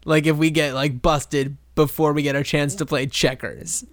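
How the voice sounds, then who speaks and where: A woman's voice: low-pitched, fairly even intonation, moderate pace, dry recording. Woman co-host, dry close sound. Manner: laughs easily, thinks aloud with hedging asides. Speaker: podcast co-host. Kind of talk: casual chat recapping a sitcom episode.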